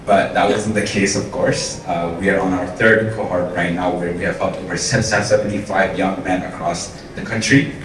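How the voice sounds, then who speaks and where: A man's voice: low-pitched, fairly even intonation, normal speed, hardly any pauses. A young man from Ethiopia giving a casual personal talk at an event, full of ums and restarts. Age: young adult. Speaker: invited speaker. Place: large event hall. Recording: roomy hall sound from far off, noisy.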